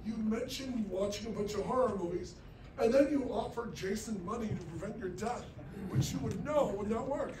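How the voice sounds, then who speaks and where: A man's voice: high voice, normal speed, noisy background. A man moderating a festival Q&A, asking guests questions and reacting eagerly, recorded from far off in an echoey hall. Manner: enthusiastic, frequent "wow" reactions.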